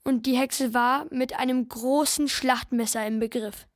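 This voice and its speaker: A woman's voice: high-pitched, fairly even intonation, unhurried, no echo, clean studio sound. A woman voicing a frightened, guilt-ridden boy who narrates earnestly in the first person. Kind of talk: radio play narration.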